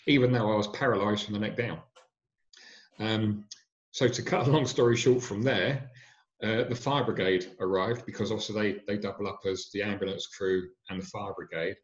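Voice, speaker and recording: A middle-aged man tells his own story in a lowish voice, earnest and halting, with plenty of fillers and restarts. The recording is dull and lo-fi. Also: echoey room. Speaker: injury survivor telling his story. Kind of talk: personal storytelling. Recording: dull lo-fi sound.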